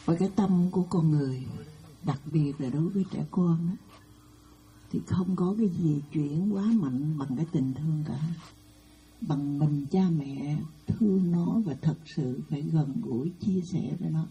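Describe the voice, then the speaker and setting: A woman's voice: low-pitched, normal speed, warm tone, breathy edge, rough recording. A woman Buddhist nun giving a dharma talk, telling stories with frequent hesitant fillers.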